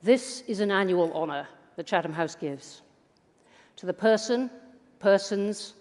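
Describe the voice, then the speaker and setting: An event chair hosting a live prize ceremony and speaking in a formal, measured way. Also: medium pitch, a little mellow. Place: large hall with an audience. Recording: reverberant hall.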